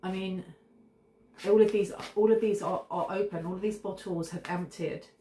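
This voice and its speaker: With a warm, mid-range voice, steady and moderately paced, a thirtysomething tarot reader chats her way through a casual reading from her home kitchen. She sniffles with a cold and wanders into intuitive, rambling asides; the audio is echoey with faint hiss.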